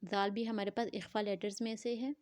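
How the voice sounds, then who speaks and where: Woman teacher, steady mid voice, dry close sound, patient letter-by-letter drilling. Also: mid-range voice, no room sound. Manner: spells words letter by letter, drawing out nasal sounds. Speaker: Quran recitation teacher. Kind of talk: slow spelling-out tajweed lesson.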